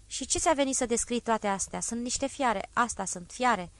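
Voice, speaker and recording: A woman's voice: a little high, a bit bright, no room sound. A woman voicing an agitated, indignant male exile. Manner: indignant outbursts.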